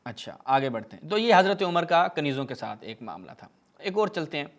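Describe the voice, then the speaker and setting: A man's voice: fairly high pitch, very animated. A man giving a polemical religious lecture, reading narrations aloud and mocking them with sarcastic asides. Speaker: religious speaker.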